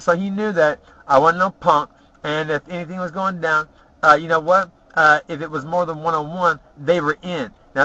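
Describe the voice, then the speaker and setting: A vlogger with a fairly high, bright voice delivers a casual storytelling monologue about his life, profane and boastful, rambling with plenty of fillers. The audio is dull and lo-fi, like a home video.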